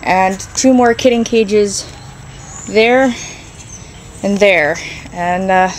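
Walking around her barn and yard with a phone in hand, a young rabbit keeper thinks aloud in a casual vlog, filling gaps with plenty of ums. She speaks at a medium pitch and draws her words out. There's slight background noise, and the sound quality is poor across the straw-filled space, both inside and outside.

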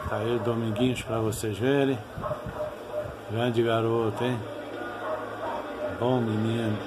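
A man's voice: medium pitch, flat delivery, takes it slowly, heavy background noise. A Brazilian man giving informal, nostalgic commentary as a channel host over old fight footage, often ending phrases with tag questions.

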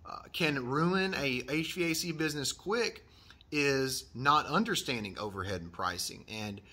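A man in his thirties hosts an HVAC advice vlog, reading a viewer email in a mid-range voice at a measured pace. His tone is sharp and slightly rough as he earnestly encourages and repeats key points. The camera is close in a decorated workshop room.

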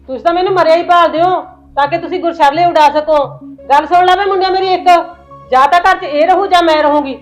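A woman's voice: very high voice, fairly even intonation, fast, soft background music, poor audio. An actress playing a domineering middle-aged mother-in-law who scolds her daughter-in-law in a family drama. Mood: scolding. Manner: scolding, sharp, bossy. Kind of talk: short film drama.

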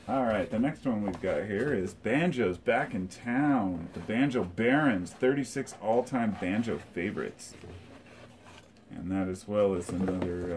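Sitting by a record shelf in his living room, a middle-aged collector casually shows off his box of old tape reels. His voice sits on the low side, and there's noise in the background. He rambles and thinks out loud, filling the gaps with lots of fillers.

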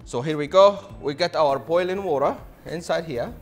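In a modern indoor studio kitchen, a man in his thirties hosts a cooking show with showman's enthusiasm, performing for his audience. His voice is on the high side, at a moderate pace, with background noise around it. He wears a lapel mic.

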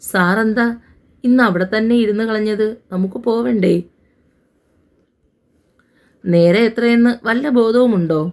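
A woman voicing a firm, brisk male senior doctor who teases his friend. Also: a little high, a little mellow, close to an everyday voice.

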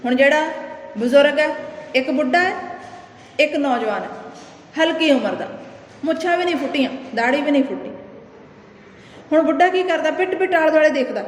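A woman teacher with a Punjabi accent explaining a poem to her students, reciting its verses slowly and then explaining them in plain talk. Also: sits high. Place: classroom. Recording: echoey room with faint noise.

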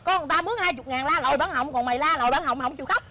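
A bright, high-pitched wife, as a woman acts her out fires off quick nagging retorts. She plays a sharp-tongued beggar in a stage comedy sketch, with faint noise behind. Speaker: comic actor.

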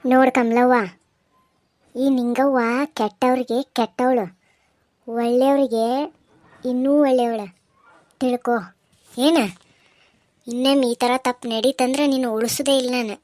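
A woman voicing a stern, protective middle-aged village aunt who scolds loudly, with a North Karnataka Kannada accent. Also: fairly high pitch, fairly even intonation, a little fast, close to an everyday voice. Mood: scolding. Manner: scolding, threatening, loud.

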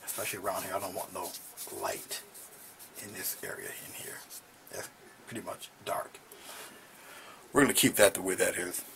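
Here a middle-aged painting teacher works in his small home studio, talking casually at a normal pace with vocal fry and frequent pauses. While he brushes, he often slips into relaxed, low murmurs. There's a little hiss or hum on the audio.

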